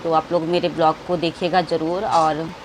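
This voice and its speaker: Here the vlogger's voice is low-pitched and level, moving at a moderate pace. The adult woman addresses her viewers affectionately in a casual home vlog shot indoors, and household noise can be heard behind her.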